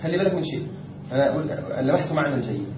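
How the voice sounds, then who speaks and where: Egyptian male lecturer, high voice, classroom lesson from a distant dull mic with light hiss. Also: animated, very fast. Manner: explains step by step, asks the class rhetorical checks. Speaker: teacher of Islamic jurisprudence. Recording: echoey room, distant lo-fi mic with faint noise.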